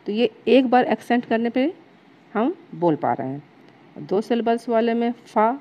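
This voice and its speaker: A woman lecturer teaching a grammar lesson to students. She reads English definitions slowly, as if dictating, then explains them patiently. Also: mid-range voice, dark tone, poor audio. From India.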